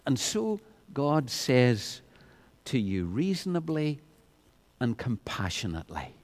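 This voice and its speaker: A man preaching an evangelistic sermon, often repeating words as he starts a phrase and rising to loud peaks. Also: medium pitch, sing-song, takes it slowly.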